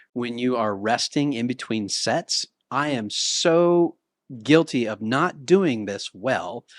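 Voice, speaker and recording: A middle-aged male vocal coach talks straight to the viewer in a relaxed, chatty way, dropping in quick sung vocal warm-ups. His voice sits at an ordinary male pitch and is recorded close and dry, with no room around it. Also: no room sound. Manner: casual, conversational, with sung demonstrations. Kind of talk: talking-to-camera singing lesson. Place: Nashville.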